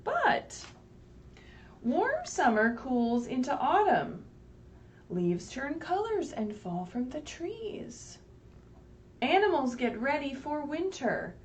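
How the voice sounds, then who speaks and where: Slowly and in a sing-song manner, a children's librarian reads a picture book aloud to small children during story time, her voice high and very lively. She explains things simply and keeps asking little questions, checking in with "right?". The livestream picks her up from a distant mic with faint noise.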